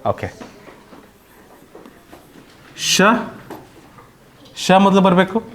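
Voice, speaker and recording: Slow patient man teaching online. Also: high voice, very animated. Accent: Karnataka. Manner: slow, patient, keeps checking students understand. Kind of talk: online Kannada grammar lesson. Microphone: computer mic on an online class call.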